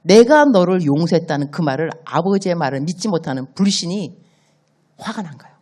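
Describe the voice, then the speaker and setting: Animated Korean woman preaching a sermon. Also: fairly low pitch, brisk. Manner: animated storytelling, acts out dialogue. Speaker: missionary preacher. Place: church.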